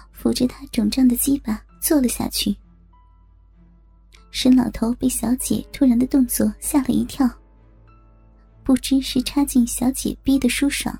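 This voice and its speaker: Female audiobook narrator, soft and husky with some fry, music behind. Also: high voice. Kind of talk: scripted story narration.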